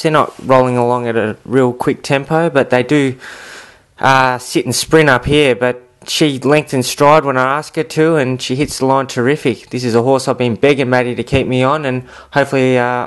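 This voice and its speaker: Man, jockey, smooth clear voice, mid pitch, informal trial commentary, upbeat and plain-spoken.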